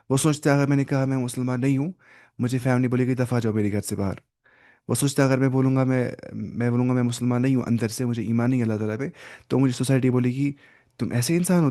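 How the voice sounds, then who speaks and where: A man teaching a Quran lesson, reciting Arabic phrases slowly and then explaining them in Urdu with English words mixed in, his delivery emphatic, rising and falling. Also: medium pitch, warm tone.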